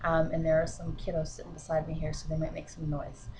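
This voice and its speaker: Sniffling slightly from a cold, a woman at home with her children beside her talks to her sales team in a casual instructional vlog. Her low, mellow voice is fast and completely flat in delivery, though her manner is chatty and encouraging with lots of fillers. A little hiss or hum runs under the audio.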